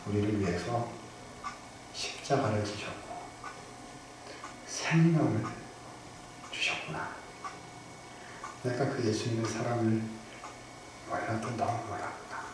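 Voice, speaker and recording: A male pastor preaching a storytelling sermon, moving between loud bursts and hushed near-whispers. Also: on the low side, slow, long pauses. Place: church sanctuary. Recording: very echoey hall, from far off, noisy.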